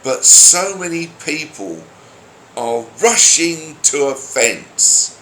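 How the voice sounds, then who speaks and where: Grumpy, slow-talking man ranting bluntly. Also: fairly high pitch, very animated, sharp tone. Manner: blunt, sweary. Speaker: online commentator giving opinions. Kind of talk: opinionated solo rant, unscripted. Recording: roomy echo, faint background noise.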